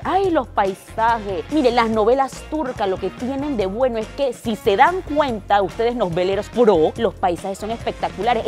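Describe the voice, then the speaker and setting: Picture a Panamanian woman hosting a light TV segment, her high voice leaping up and down as she jokes and does playful impressions. Music plays behind her the whole time. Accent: Panamanian Spanish. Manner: animated, joking, breaks into mock impressions. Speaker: TV show host. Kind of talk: comic chat to camera about soap operas.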